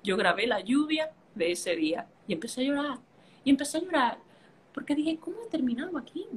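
A woman's voice: high-pitched, expressive, brisk, a little hiss or hum. A woman telling a personal story in casual conversation, emotional and vivid, filling gaps with playful sounds. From a Caribbean island. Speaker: podcast conversation partner. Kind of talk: casual chat.

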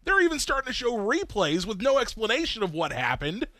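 A man co-hosting a casual racing podcast, an animated storyteller who acts out quotes. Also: high-pitched, a little fast, dry recording. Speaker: podcast co-host. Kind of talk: casual chat.

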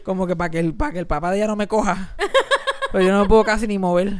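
A young man with a Puerto Rican accent tells a funny story in casual chat, animated and profane, squealing high when he quotes himself. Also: quick pace, smooth, no echo.

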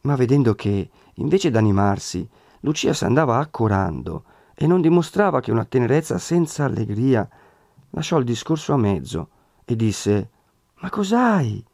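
Male narrator, italian accent, audiobook reading, steady measured tone, dry close recording. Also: medium pitch, creaky, no echo. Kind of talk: scripted narration.

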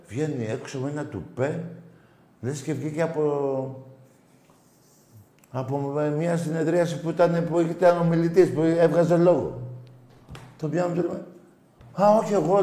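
Call-in host, male, teasing storyteller, mellow low voice, echoey room. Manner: mocking, excitable storyteller who teases callers. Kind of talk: casual joking radio chat.

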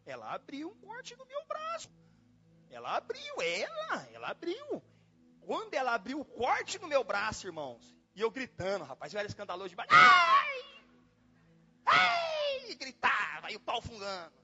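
A male pastor tells a story from the pulpit with dramatic flair, his voice bright and sharp. It rises high and leaps around as he exclaims and repeats himself. The recording sounds muffled and lo-fi, with faint music underneath. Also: wildly swooping pitch, moderate pace. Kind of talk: storytelling sermon. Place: church.

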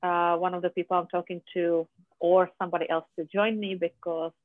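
A guest from Czechia with a Czech accent and Czech as a first language, speaking in a halting way with many fillers and restarts in a conversational interview. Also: mid-range voice, little pitch movement, dry recording. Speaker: podcast guest, business founder. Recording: dry, tinny phone line.

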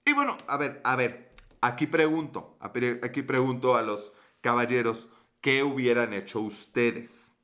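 The host, a young Mexican man, laughs frequently as he rambles through a slangy story for his livestream audience and replies to the chat. He speaks at a measured pace in an animated, bright, forceful mid-range voice.

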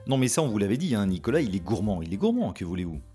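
A man's voice: fairly low pitch, sing-song, racing, dark tone, soft background music. A man hosting a travel podcast, chiming in with short practical asides. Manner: adds brief advisory asides. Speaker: podcast host. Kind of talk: conversational podcast.

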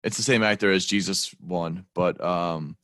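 A man's voice: low-pitched, normal speed, fairly bright tone, no room sound, clean studio sound. A man co-hosting a casual movie review podcast, blunt and rambling, with lots of "um" and "like.". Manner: blunt, rambling, frequent fillers. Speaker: podcast co-host.

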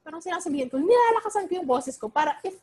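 A woman's voice: extremely high pitch, racing. A young woman casually telling a story, mixing Filipino and English with many fillers. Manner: animated, Taglish code-switching, many fillers.

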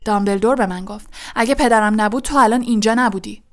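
A defiant teenage schoolboy voiced by a woman reader, his voice pushed up high and loud. He rushes his words in hot, indignant bursts in a storybook audiobook. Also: expressive. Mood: furious. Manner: raised, loud and hurried outbursts. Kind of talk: audiobook reading.

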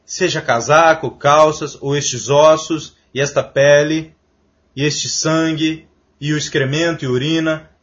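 A man giving a religious scripture lecture, emphatic and lecturing, reciting Sanskrit verses slowly and deliberately. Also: fairly high pitch, fairly even intonation, a bit bright. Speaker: spiritual lecturer. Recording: dull lo-fi lecture recording.

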